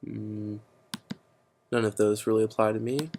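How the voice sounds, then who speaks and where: A teenage boy walks through a casual screen-recorded computer tutorial, explaining each step with plenty of fillers. His voice is lowish and darkish, with a flat, unhurried delivery, and there's slight background noise.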